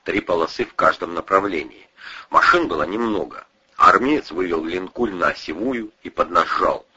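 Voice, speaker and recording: Husky, bright male audiobook narrator. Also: sits low, moderate pace. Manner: expressive, voices all characters. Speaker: audiobook reader. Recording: dull lo-fi recording.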